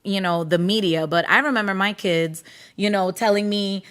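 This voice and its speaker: A woman with a Puerto Rican accent co-hosting a podcast, telling stories in a lively, laughing way. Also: mid-range voice, normal speed. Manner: animated storytelling, laughs often. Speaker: podcast co-host. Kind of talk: casual chat.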